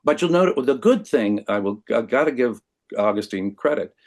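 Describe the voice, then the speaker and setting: A man's voice: mid-range voice, animated, normal speed, a little mellow. A man, a guest on a talk podcast, explaining the history of philosophy in a lecturing way with wry asides to his listeners.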